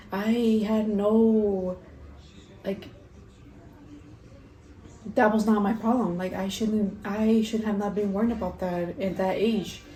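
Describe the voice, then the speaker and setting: Eating on camera for a mukbang Q&A, a young adult vlogger talks in a warm voice of medium pitch. She rambles and leans on "like," and the roomy indoor kitchen at home gives an echoey sound with a little faint background noise.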